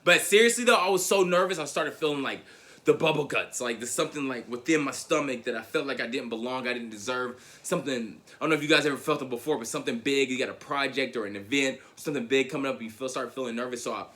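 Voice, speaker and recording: A young man speaks to a crowd, telling his own story as a motivational speaker. His voice is bright and forceful and sits at an ordinary pitch. He talks in a lively way, repeats his words as he goes, and calls the listeners "guys". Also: fast, hardly any pauses. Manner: animated storyteller who repeats words and addresses the audience as guys. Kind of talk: motivational speech, personal storytelling.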